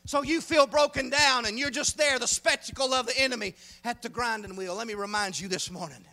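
A preacher man, delivering a folksy sermon that swings from hushed talk to shouting. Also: very high-pitched. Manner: fervent, swings from hushed to shouting, drawn-out emphasis; folksy, frequent "uh" fillers.

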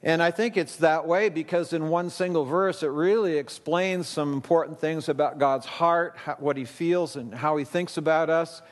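A man's voice: on the high side, normal speed, few pauses, in a large hall. A man in his fifties, a pastor, delivering a conversational sermon at a pulpit microphone in a church, with easy asides.

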